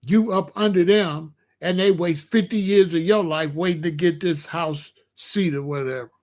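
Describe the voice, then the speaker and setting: A man with a high, slightly mellow voice at normal speed is ranting to his chat during a live commentary stream. Unscripted and blunt, he repeats his points confrontationally and targets a particular chatter.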